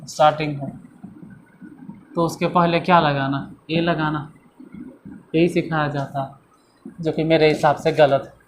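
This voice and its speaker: A man's voice: fairly high pitch, flat delivery, a little slow, long pauses. Guy teaching english grammar, keeps asking and answering himself, a bit of noise behind. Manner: repetitive, asks and answers own questions. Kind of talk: classroom lesson explaining grammar.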